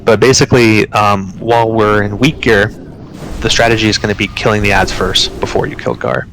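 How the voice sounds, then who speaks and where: Man, raid leader, low gravelly delivery, patient explainer who snaps into fast commands. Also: noisy background. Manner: explains calmly, then barks quick commands. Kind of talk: live game commentary.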